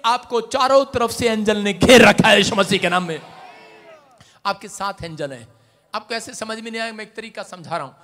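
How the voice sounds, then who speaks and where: A middle-aged man preaching a sermon, telling stories in turns hushed and loudly shouted. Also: extremely high pitch, big-room sound. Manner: animated, swings from hushed storytelling to loud shouted exclamations. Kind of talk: Hindi sermon with storytelling.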